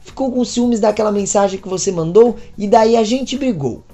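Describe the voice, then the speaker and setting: A woman's voice: mid-range voice, moderate pace, mellow, soft background music, close to an everyday voice. A woman voicing an upset young married woman who speaks anxiously and pleadingly. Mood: distressed.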